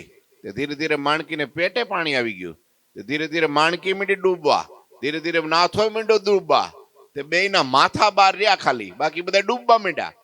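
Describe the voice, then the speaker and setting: Lively preacher telling a story. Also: male voice, fairly high pitch, no room sound. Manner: lively, acts out the story's characters in their voices. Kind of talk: devotional storytelling sermon.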